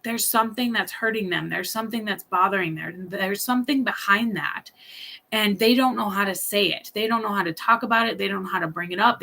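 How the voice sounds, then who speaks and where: With a creaky, bright and forceful mid-range voice, this woman in her thirties talks informally as a parenting coach. She thinks aloud earnestly, filling her speech with fillers and restarts while repeatedly asking "right?".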